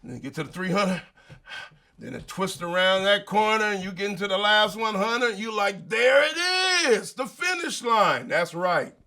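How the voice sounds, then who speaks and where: A man with a bright, forceful, slightly high voice hosts a motivational monologue. He preaches emphatically in casual slang and keeps throwing rhetorical questions at the listener. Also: normal speed. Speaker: show host.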